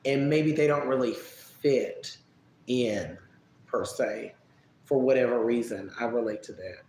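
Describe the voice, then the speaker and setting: A man casually answering viewer questions on a live stream, relaxed and chatty, musing aloud as he thinks. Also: medium pitch, measured pace. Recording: echoey room with faint background noise.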